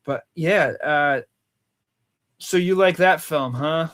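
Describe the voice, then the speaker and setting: A man with a Rhode Island accent co-hosts a movie countdown, bantering casually and teasingly about films. His fairly high, slightly bright voice moves at a slow pace.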